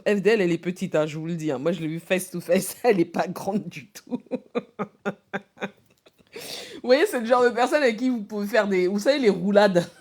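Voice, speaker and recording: A woman's voice: medium pitch, moderate pace, long pauses, darkish tone. A woman hosting a live stream, teasing, laughing often and asking her viewers questions. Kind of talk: mocking live commentary.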